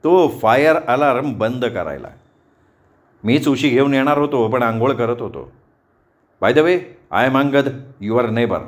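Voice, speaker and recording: A man voicing a relaxed, amused young male student neighbor who likes giving advice. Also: mid-range voice, slow.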